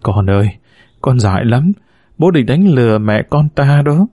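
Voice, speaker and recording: A man's voice: mid-range voice, expressive, a little slow, warm tone, husky, no room sound. A shrewd, suspicious village wife, as a male narrator puts her on. She speaks sharply and mockingly, doubting everything her husband says. It is a storybook reading with a dry, close sound.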